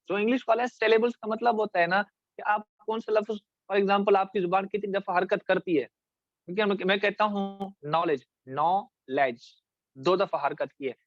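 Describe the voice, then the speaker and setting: A teacher with a Pakistani Urdu accent gives a classroom lecture on essay writing in a high voice, recorded dry and close with no room sound and a slightly dull, muffled quality. He addresses students directly, often pausing to check that they follow, and draws words out slowly to show their syllables.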